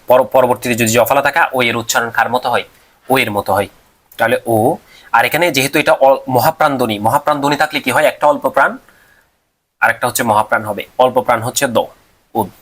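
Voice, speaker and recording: A man, teaching a class. He asks questions and answers them himself, and sounds out syllables slowly. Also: medium pitch, a bit bright. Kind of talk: classroom lecture on pronunciation rules.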